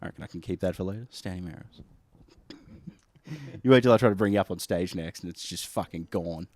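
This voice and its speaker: A man's voice: low-pitched, quick pace, a little mellow, dry recording. A man hosting a podcast, teasing his guest in casual chat and swearing freely. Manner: swears a lot, teasing, joking. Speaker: podcast host.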